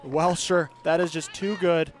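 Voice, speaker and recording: A man's voice: fairly high pitch, steady tone, a little slow, noisy background. A man giving live play-by-play commentary as a pickleball commentator.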